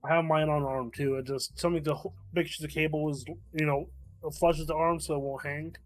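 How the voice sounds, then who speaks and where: Male livestream chatter, slightly high voice, halting casual advice, music behind. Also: steady tone. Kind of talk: casual chat.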